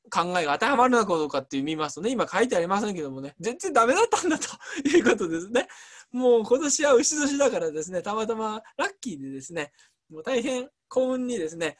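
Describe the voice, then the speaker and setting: A lecturer explaining at a relaxed pace, chatty, with many fillers and emphatic asides. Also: medium pitch. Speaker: lecturer on Chinese culture.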